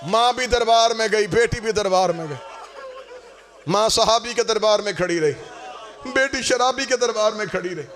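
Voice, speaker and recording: A man with a Punjabi-influenced Urdu accent preaching a mourning sermon in a mosque hall, chanting and rising into sung, shouted lament. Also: sits high, normal speed, slight background noise. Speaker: Shia preacher. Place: mosque hall before a congregation.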